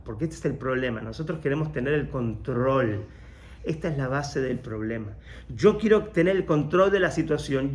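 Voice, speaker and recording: A man, a rabbi, telling a personal story in a workshop talk, acting out the voices of the people he quotes. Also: fairly high pitch.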